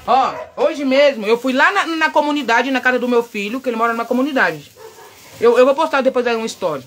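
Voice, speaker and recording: A middle-aged Brazilian woman chatting loudly and outspokenly with her viewers, telling a story while she works. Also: a little high, fast talker. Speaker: vlogger. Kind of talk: casual chat while painting a wig.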